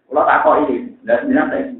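Javanese preacher on a tinny, echoey recording. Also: male voice, medium pitch, very fast. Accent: Central Javanese. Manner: lively storytelling, mixes jokes and pleading. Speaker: Islamic preacher. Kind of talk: religious lecture to a congregation.

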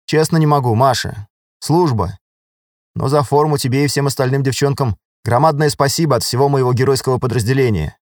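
A man reads as a confident young lieutenant in an audiobook, brisk and commanding with a wry edge. The recording is dry and close. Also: medium pitch, a little mellow, no room sound, pitched above the performer's own voice, close to an everyday voice.

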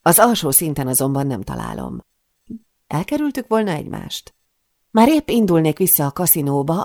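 A woman's voice: deep voice, vocal fry, darkish tone, no room sound, studio quality. A woman narrating a first-person audiobook in a dramatic, breathless manner.

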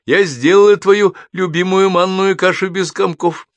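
A woman's voice: low voice, a little slow, dry recording, voice pushed up. A man voicing a doting, worried elderly mother who scolds tenderly. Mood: fussing. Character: fussing, caring elderly mother, a woman.

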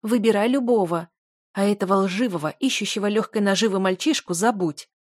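A woman reading an audiobook, voicing an imperious noble mother who scolds and insists in a raised, high voice. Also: brisk, darkish tone, dry recording, studio quality, natural voice. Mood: scolding.

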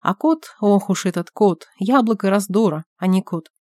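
A woman narrating an audiobook detective novel in measured storytelling with wry asides. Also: mid-range voice, a little mellow, no echo, studio quality. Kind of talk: scripted narration.

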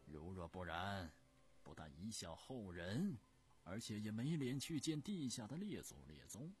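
A male storyteller voicing a principled court minister who argues in measured, drawn-out, dogged speech. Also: fairly low pitch, very animated, breathy edge, full character voice. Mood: resolute.

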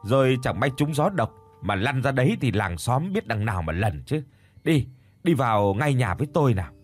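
A man voicing a bustling old village woman who shouts urgently to a half-deaf neighbor. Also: mid-range voice, expressive, soft background music, lightly acted. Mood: fussing. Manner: shouting slowly into a deaf ear. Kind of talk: storytelling.

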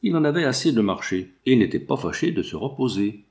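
A man's voice: mid-range voice, big pitch swings, fast talker, a little mellow. A man narrating a classic French novel as an audiobook reader. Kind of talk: scripted narration.

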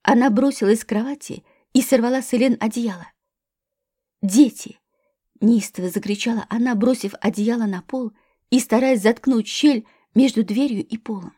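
A woman narrating a thriller audiobook with a tense, measured reading. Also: a little high, mellow, slightly rough, dry recording, studio quality.

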